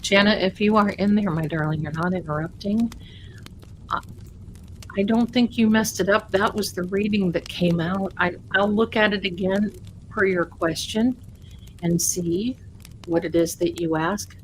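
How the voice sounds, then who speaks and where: A woman hosting a casual live spirit session, rambling and haltingly repeating herself as she talks to spirits and viewers. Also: mid-range voice, rough recording. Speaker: livestream host of a spirit communication session. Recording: clear background noise, live stream.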